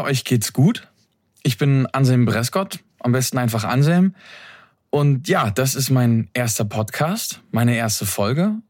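A man's voice: mid-range voice, darkish tone, dry recording, studio quality. A young man hosting a podcast, giving a thoughtful, earnest introduction recorded in his room. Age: young adult. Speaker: podcast host. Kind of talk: reflective scripted intro monologue. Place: his room, seated in an armchair.

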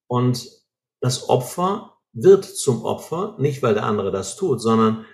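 A man's voice: mid-range voice, very animated, measured pace. A man explaining ideas in an earnest way, often checking in with short tags like "right?", in a conversation. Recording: roomy echo.

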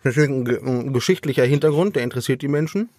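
A man's voice: medium pitch, racing, a little mellow, no room sound, studio quality. A man talking as a guest on a podcast, telling rambling, hesitant stories full of restarts. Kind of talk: casual podcast chat.

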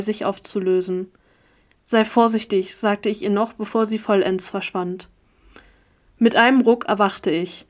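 Female audiobook narrator, first-person story, even and steady, mid-pitched voice. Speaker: audiobook reader.

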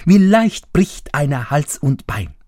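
A man voicing a tiny, cheeky thumb-sized boy in a storybook reading, high and piping. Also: sing-song, takes it slowly, dry recording, studio quality. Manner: high, piping and shrill when shouting.

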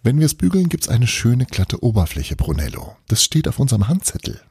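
A man voicing a lively, bossy young woman who teases her partner in a storybook reading. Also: mid-range voice, fairly quick, breathy edge, no room sound, clean studio sound, voice pushed up, full character voice. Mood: cheerful. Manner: pushy, cheerful, teasing.

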